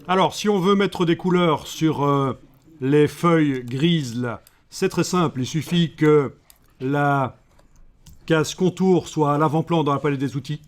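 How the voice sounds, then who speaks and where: A man with a Belgian French accent teaching a live software class, breaking up the steps with joking asides to his students. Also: on the high side, unhurried.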